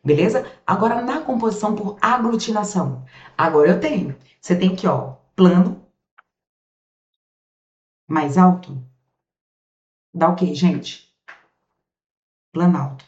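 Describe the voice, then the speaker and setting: Chatty Brazilian woman teaching grammar, roomy. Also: on the low side. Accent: Brazilian Portuguese. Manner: chatty, calls students "gente" and "amores", asks questions for them and answers them; spells out sounds slowly while writing. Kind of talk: recorded classroom lesson. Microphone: camera set up in front of her. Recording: roomy, slightly dull sound.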